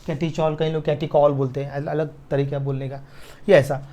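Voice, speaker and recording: A man teaching a chemistry lesson at a board, dictating notes slowly word by word and checking that students follow, with in the technical terms. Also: mid-range voice, level tone, mellow. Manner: slow dictation, drawn-out words, frequent checks for understanding.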